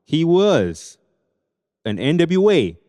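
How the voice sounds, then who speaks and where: A man's voice: on the high side, big pitch swings, slow, warm tone. Laid-back man in a reverberant room. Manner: laid-back, chewing gum while reading stats. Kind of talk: casual chat.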